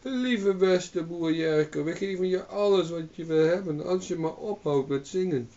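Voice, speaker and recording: A man's voice: normal speed, dark tone. A man voicing a greedy old farm woman who calls cows by magic in a coaxing singsong, on a dull distant recording. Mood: pleading. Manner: coaxing singsong calls, shrill when angry.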